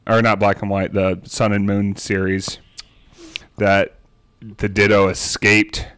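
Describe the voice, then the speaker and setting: A man's voice: fairly low pitch, completely flat delivery, slow, fairly bright tone, clear, resonant tone. A man co-hosting a podcast in a home garage, chatting casually in a laid-back, matter-of-fact way. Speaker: podcast co-host. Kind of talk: casual chat.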